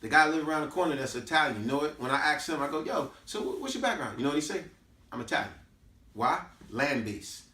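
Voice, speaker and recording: Pushed, bright, and a bit high, the American host speaks quickly and expressively while preaching informally about history and culture. He hammers points with repetition and rhetorical questions, and his voice echoes in a room far from the microphone.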